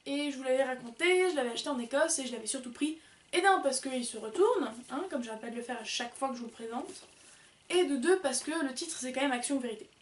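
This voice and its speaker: A woman's voice: high voice, expressive, fast, reverberant, distant mic. A woman chatting casually and rambling as she reviews books, with many fillers. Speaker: book vlogger. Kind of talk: casual book review chat.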